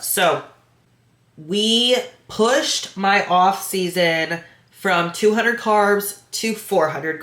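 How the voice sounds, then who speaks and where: A bikini competitor and coach, stuffed up and congested, gives a casual vlog recap to her camera, full of filler words. Her voice is low-pitched with a fairly bright tone, and the room sounds echoey.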